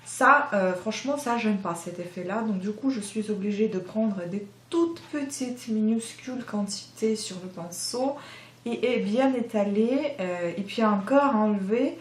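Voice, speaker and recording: A woman's voice: medium pitch, measured pace, slight background noise. Hesitant woman reviewing makeup, roomy echo. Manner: hesitant, many filler sounds. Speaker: beauty vlogger. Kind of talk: casual product review. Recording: roomy echo, faint ambience.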